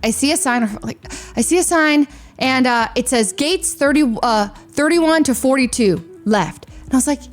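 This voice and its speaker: A young woman streamer casually telling a story, acting out her own lines with sudden high-pitched bursts. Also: animated, moderate pace, faint music behind.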